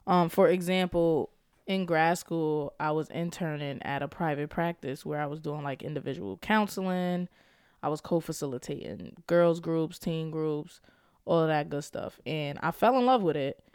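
A young woman with a low, smooth voice hosts her own podcast, a casual solo monologue full of slang and frequent laughter, and she sounds slightly congested from a cold. She is a podcast host and also a school counselor, and the recording is dry and clean, with studio quality.

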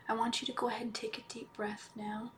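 A woman leads a guided healing meditation in a soft, hushed voice, close to the ear and often near a whisper. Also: a little high, flat delivery, fast, slight background noise. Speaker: podcast host and healer leading a guided meditation.

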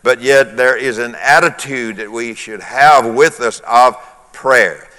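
A man's voice: medium pitch, slow pace, sharp tone. Preaching man in a reverberant church hall. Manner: emphatic preaching with call-and-response. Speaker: pastor. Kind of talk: sermon to a congregation.

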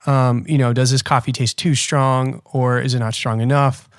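Brief: male podcast host, mid-pitched, easygoing, dry studio sound. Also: flat delivery, moderate pace, smooth, no room sound. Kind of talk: scripted intro then casual interview.

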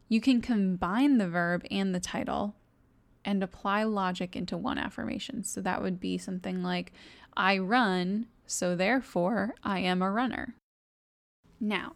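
A woman's voice: mid-range voice, creaky. Young woman host giving motivational advice, earnest and direct, encouraging tone. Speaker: self-improvement podcast host. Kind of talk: motivational talk to listeners.

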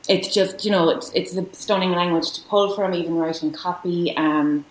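A woman's voice: on the low side, steady tone, moderate pace. A woman with a west of Ireland accent, talking casually as an interview guest on a podcast. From Galway, Ireland. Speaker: podcast guest, digital marketing professional. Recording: roomy echo.

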